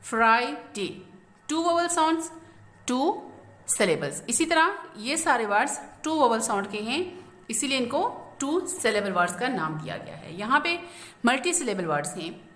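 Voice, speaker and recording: A woman teacher explains a grammar lesson slowly, asking questions and then answering them herself. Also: high-pitched, big pitch swings, a bit bright. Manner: slow, explanatory, asks and answers own questions. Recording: echoey room.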